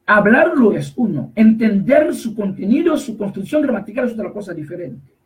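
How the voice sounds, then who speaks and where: Preacher guy, high voice, keeps repeating himself, gets loud on the big words. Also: big pitch swings, far from the mic, low-quality recording. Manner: emphatic, repetitive, rises to shouts on key phrases; slow deliberate reading of scripture verses. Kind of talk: sermon.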